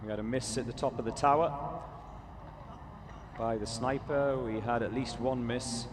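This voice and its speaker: A man's voice: mid-range voice, fairly even intonation, moderate pace. A man commentating live at an outdoor competition, chatty and self-correcting, and talking straight to the viewers watching online. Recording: crowd noise behind.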